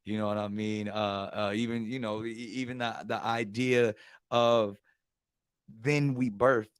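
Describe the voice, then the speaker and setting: With a clear, resonant, lowish voice and an unhurried delivery, a man hosts a relaxed conversation with a guest. He gets animated and restarts sentences repeatedly. The studio sound is clean, with no echo.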